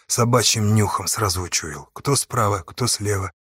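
Male audiobook narrator, husky, dry close sound, measured reading. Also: lowish voice, fairly bright tone, no room sound. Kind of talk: scripted narration.

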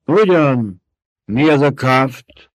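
A stern old woman who scolds and mocks with cold authority, as a male reader puts her on. Her voice sits high and carries loudly, with a dry, close sound. It is an audiobook performance. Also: expressive, dry recording, close to an everyday voice. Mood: scornful. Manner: mocking and domineering. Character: stern scornful old woman, a reverend mother.

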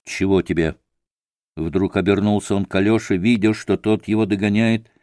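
A man narrating a classic novel in a measured, expressive style on a close studio mic. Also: on the low side, no echo. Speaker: audiobook narrator. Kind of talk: scripted literary narration.

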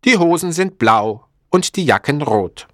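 A man narrating a storybook slowly and clearly, in a deliberate, expressive way for language learners. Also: on the high side, no echo, clean studio sound.

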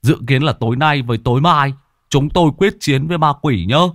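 A man's voice: on the high side, brisk, fairly bright tone, no room sound, studio quality, pitched above the performer's own voice. A man voicing a brash middle-aged exorcist who gives blunt orders. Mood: commanding. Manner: blunt, commanding.

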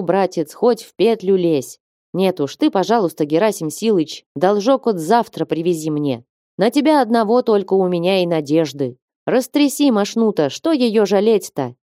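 A woman's voice: lowish voice, mellow, no room sound, natural voice. Unyielding male merchant, coaxing and proverb-quoting, dry close sound, read by a woman. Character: wealthy domineering male merchant, sly and coaxing.

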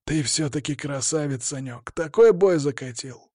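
A man reading an audiobook, voicing a brash, jokey young male friend who acts as a referee and talks in a loud, upbeat, chummy way. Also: a little high, normal speed, breathy edge, dry recording, studio quality. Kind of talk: audiobook character voice.

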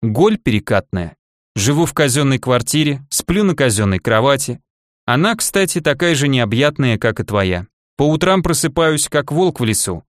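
A shy thirty-year-old ruler and former soldier talks in a self-deprecating, gently ironic way, as a male audiobook reader voices him. His voice sits in a middle register. The sound is dry and close to the mic. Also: medium pitch, sing-song, moderate pace, dry recording, voice pushed up, close to an everyday voice. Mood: earnest.

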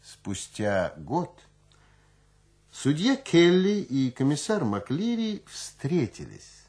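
A man narrating a story, calm and low between the voiced dialogue. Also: takes it slowly. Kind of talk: storytelling reading.

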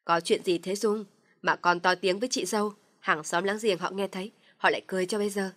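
A woman's voice: mid-range voice, steady tone, brisk, a bit bright, no echo, studio quality, lightly acted. A woman playing a lecturing older mother-in-law.

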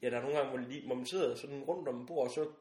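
Male host, mid-pitched, conversational, roomy room sound with a faint hiss. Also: a little mellow. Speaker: podcast host. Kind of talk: casual chat.

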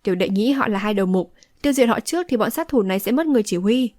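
A woman's voice: mid-range voice, animated, quick pace, a little mellow, no echo, lightly acted. A woman reading the part of a resolute young swordswoman who speaks firmly and decisively, in a dry close recording. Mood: explaining. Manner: firm, decisive speech. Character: young heroine, resolute and fierce-tempered.

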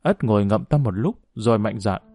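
A man narrating an audiobook novel in a steady storytelling manner. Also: fairly low pitch, brisk, no echo, faint music behind.

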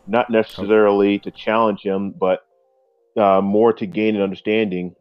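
Low-voiced man introducing guests. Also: dry recording, muffled recording. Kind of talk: casual podcast banter.

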